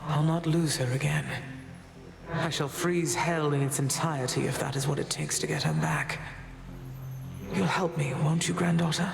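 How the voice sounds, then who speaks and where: A man's voice: on the high side, steady tone, moderate pace, creaky. An actor playing a stern, brooding grandfatherly god in a video game, with menacing deliberation, in reverb over music. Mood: cold, commanding. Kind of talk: video game character acting. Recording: reverberant hall, music behind.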